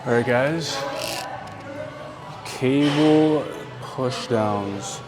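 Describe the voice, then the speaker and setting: Between sets at an indoor gym, a fitness vlogger on the mend from surgery talks to himself about his lifts, out of breath and relaxed. His mid-range voice draws out words, and loud gym music plays behind this casual vlog commentary.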